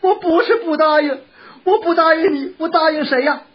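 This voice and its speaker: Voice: very high voice, moderate pace, voice pushed up. A storyteller voicing a young concubine with a wheedling, sobbing manner, in a dull lo-fi recording. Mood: coaxing. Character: pleading young concubine, tearful and coaxing.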